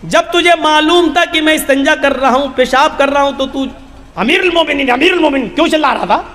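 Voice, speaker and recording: Commanding stern ruler, voiced by a preacher; high voice, hall echo. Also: male voice, a bit bright. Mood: angry. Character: stern male ruler, quick-tempered, insistent. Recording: long hall reverb.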